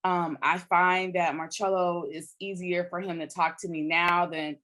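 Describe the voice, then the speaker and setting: A middle-aged woman co-hosting a casual podcast, heartfelt and emotional, pausing to search for words. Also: fairly low pitch, flat delivery, fairly bright tone. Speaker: podcast co-host. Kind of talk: casual conversational podcast chat.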